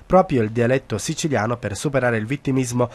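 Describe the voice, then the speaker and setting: A man's voice: medium pitch, quick pace. A man reading a scripted television news report as a reporter in voice-over.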